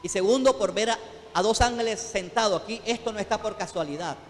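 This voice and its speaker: A church pastor with a high-pitched voice preaches a fervent sermon a little fast, calling out to his congregation. Long hall reverb fills the recording, with faint music in the background.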